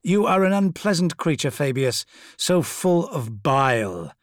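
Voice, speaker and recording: A male reader raises his voice well above his own for a vain serpent-bodied demigod who snaps orders and sneers. The delivery is lofty and theatrical and swings widely in pitch. The sound is dry and close, like a storybook read at the mic. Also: big pitch swings, normal speed, no echo. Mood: sneering. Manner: imperious, snapping, theatrical.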